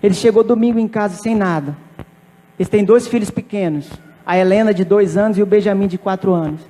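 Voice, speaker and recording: A pastor preaching a sermon, telling a personal testimony with emphatic repetition. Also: male voice, sits high, fairly quick, warm tone, long reverb tail. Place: church.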